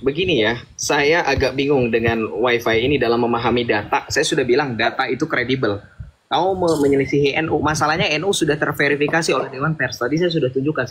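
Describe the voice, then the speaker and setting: A man's voice: on the high side, fast talker, a bit bright, a little hiss or hum. A man debating heatedly, combative and sarcastic, lecturing his opponent and mixing casual slang with formal speech.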